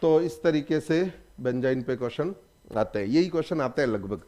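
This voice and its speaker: A man teaching a chemistry class, firing quick questions at his students and pushing them to answer. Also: medium pitch, lively intonation, dark tone. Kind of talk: classroom lecture.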